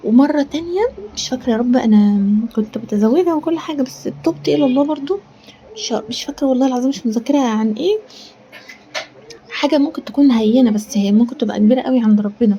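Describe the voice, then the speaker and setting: Egyptian woman hosting a home cooking vlog; rapid, rambling, earnest, slips into whispers; dull lo-fi audio. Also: sits high, warm tone, a little hiss or hum. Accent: Egyptian Arabic. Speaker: cooking channel host. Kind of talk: casual chatty vlog. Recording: dull lo-fi sound with faint room ambience.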